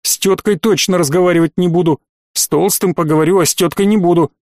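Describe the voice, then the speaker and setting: A man's voice: high-pitched, steady tone, fast talker, darkish tone, no echo, studio quality. A man doing a stubborn, whiny little boy. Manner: pleading, whiny, insistent. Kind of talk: audiobook reading.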